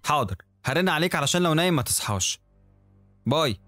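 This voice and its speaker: A man voicing a gentle, caring young wife with an Egyptian Arabic accent, lifting his voice higher and speaking softly. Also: animated, fast talker, faint music behind. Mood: tender. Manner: soft, affectionate, raised pitch.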